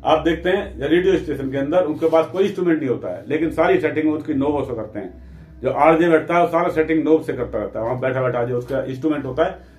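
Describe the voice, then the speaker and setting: A man's voice: a little high, fast talker, darkish tone, echoey room, soft background music. A man teaching a physics lesson, who often asks a question and then answers it himself.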